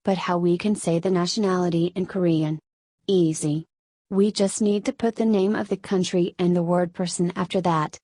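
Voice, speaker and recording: A woman's voice: fairly low pitch, normal speed, no room sound. Spanish-accented woman teaching grammar, dry. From Spain. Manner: steady, step-by-step explaining. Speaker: Korean language teacher. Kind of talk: scripted lesson narration.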